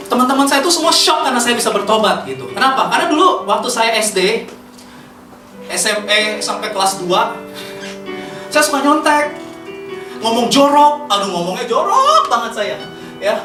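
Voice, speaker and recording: A woman preacher from Indonesia with a Jakarta accent, giving a chatty sermon and laughing often. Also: mid-range voice. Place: church hall. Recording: echoey hall, far from mic, faint music.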